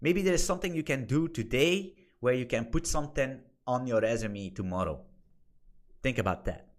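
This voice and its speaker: A Dutch-speaking man in his thirties, with a mid-range, expressive voice and a moderate pace, runs an informal screen-share lesson as a course instructor. He teaches bluntly, swears freely, and repeats his points for emphasis.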